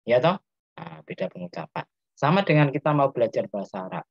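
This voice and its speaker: A man's voice: on the high side, sing-song, a little fast, vocal fry, a little mellow, no room sound, muffled recording. A man with a Javanese accent teaching a class and quizzing his students as he explains. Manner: asks students questions, explains step by step. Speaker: Islamic grammar teacher. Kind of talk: interactive classroom lesson.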